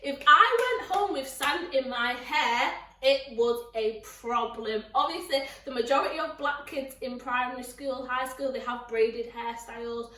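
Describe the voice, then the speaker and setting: High-voiced, animated young woman. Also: a little slow, few pauses, echoey room, far from the mic. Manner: animated, laughing, jumps into high mocking voices. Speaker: vlogger. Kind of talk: casual storytelling to camera.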